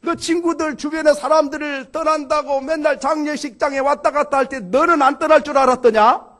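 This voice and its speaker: A man puts on a stern king of the underworld who sits in judgment over the dead, scolding the soul in front of him. The voice rises higher and louder as the reproach builds, with a gravelly edge throughout. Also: lively intonation, normal speed, exaggerated voice. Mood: thundering reproach. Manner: scolding, booming interrogation.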